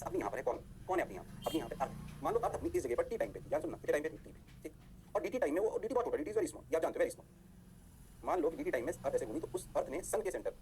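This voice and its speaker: Fast-talking, lively physics teacher man. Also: on the high side, breathy edge. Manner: lively, sing-song, answers his own questions. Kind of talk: online physics lecture.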